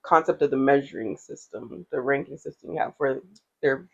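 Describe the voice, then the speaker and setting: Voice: medium pitch, normal speed, creaky, slightly rough, dull audio. A podcast co-host asking short prompting questions in a casual chat.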